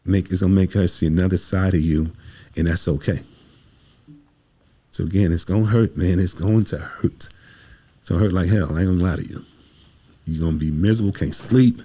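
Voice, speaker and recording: Deep and dark in tone, this American man speaks briskly but pauses often. A playwright and director guesting on a podcast, he delivers motivational talk like a preacher, emphatic and full of repeated phrases.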